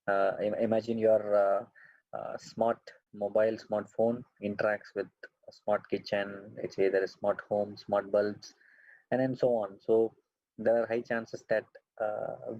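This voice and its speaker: A man gives a webinar presentation over a video call. His voice is low and mellow with very little rise and fall, and he talks haltingly, full of fillers and restarts. The audio is dry and dull, like lo-fi call sound. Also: dry recording. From India. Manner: hesitant, many fillers and restarts. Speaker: webinar speaker. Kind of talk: webinar talk.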